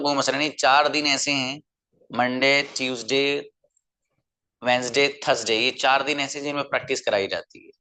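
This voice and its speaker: A man teaching an online class, explaining patiently and repeating words slowly for the learners to copy. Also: medium pitch, bright, forceful tone. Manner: patient, repeats words slowly for drilling, addresses listeners as brother.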